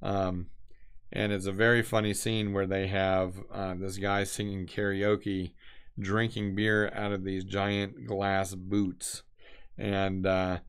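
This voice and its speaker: Guy with a low gravelly voice, just rambling loosely while he doodles, lots of ums. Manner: meandering, many fillers and restarts. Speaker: designer doodling on camera. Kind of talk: casual rambling chat.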